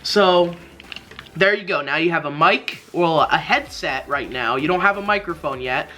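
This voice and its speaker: Recorded in a small room indoors, a young man hosting a tech tutorial goes step by step at normal speed. His fairly high voice sounds pushed and bright, and his talk is casual, rambling and full of slang.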